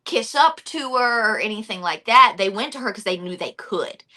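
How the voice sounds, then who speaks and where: A woman in a casual interview chat, telling stories in an animated way and acting out quotes. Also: mid-range voice, moderate pace. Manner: animated storyteller, acts out quotes. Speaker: wrestling announcer, interview guest.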